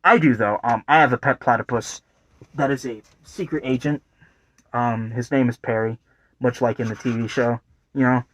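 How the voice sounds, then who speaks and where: A man's voice: mid-range voice, fairly even intonation, normal speed, no echo. A young man talking casually in a rambling video commentary, full of fillers and swearing. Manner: rambling, lots of fillers and profanity. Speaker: video essay host. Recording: faint guitar music behind.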